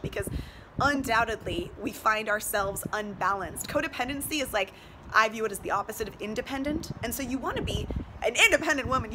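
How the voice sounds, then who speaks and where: A woman with a fairly high voice speaks quickly and earnestly to her viewers, vlogging outdoors on a boat. She leans on emphatic points and rhetorical questions like a motivational coach. Clear ambient noise sits behind her selfie recording. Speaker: vlogger giving relationship advice. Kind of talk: direct-to-viewer motivational vlog talk. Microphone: handheld selfie camera at arm's length.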